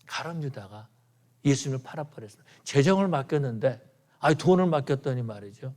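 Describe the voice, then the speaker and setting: A male pastor preaching a sermon, emphatic, with rhetorical questions, swinging between loud rises and quiet drops. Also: a little high.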